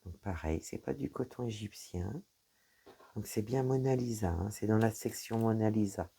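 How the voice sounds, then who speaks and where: A warm, slightly rough bass voice with vocal fry, delivered at a moderate pace. A crafting vlogger, she walks through an unboxing in a chatty way, speaking straight to her audience and frequently saying "voilà" and "donc".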